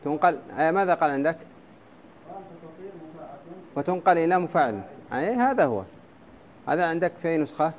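A man's voice: a little high, expressive, brisk, pauses often. A man teaching a class on Arabic prosody, explaining step by step and quizzing his students with questions. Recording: dull lo-fi classroom recording.

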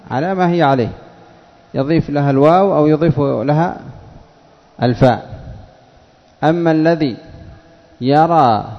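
A male teacher giving a classroom lesson, patiently asking questions and repeating words slowly for his students. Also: fairly high pitch. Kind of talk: classroom lesson on Arabic spelling. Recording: dull lo-fi recording, long reverb of a hall.

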